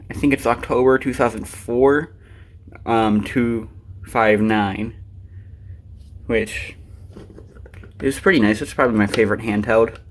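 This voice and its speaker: A radio collector presents his pieces indoors at his desk, his medium-pitched voice fairly even, a little slow, and full of pauses. The show-and-tell is unscripted and rambling, sprinkled with muttered remarks to himself, and the amateur recording is noticeably noisy.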